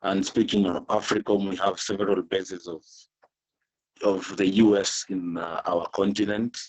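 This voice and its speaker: A man from Kenya, speaking haltingly on an online panel while his video call audio glitches and breaks up. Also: low voice, level tone, rough recording. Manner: halting, many fillers and restarts. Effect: choppy, glitchy audio breaking up over a video call.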